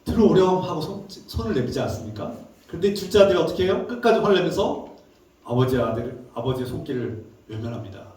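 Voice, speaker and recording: A man's voice: mid-range voice, quick pace, a little mellow. Man preaching in a very echoey hall. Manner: preaching with rhetorical questions and repetition. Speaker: pastor. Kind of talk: sermon. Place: large church sanctuary. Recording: very echoey hall, distant mic.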